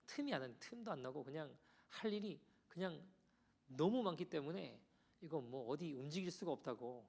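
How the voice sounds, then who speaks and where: A man preaching a sermon as pastor, conversational and animated as he tells a story to the congregation. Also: fairly high pitch, normal speed, vocal fry. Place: church sanctuary.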